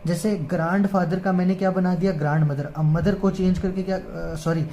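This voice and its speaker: Woman, grammar tutor, calm and repetitive, mellow voice. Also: on the low side, a little hiss or hum. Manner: patient, repeats "ठीक है" and "है ना" often; reads English lines slowly, word by word. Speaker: grammar teacher. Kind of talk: explaining an English grammar lesson in Hindi.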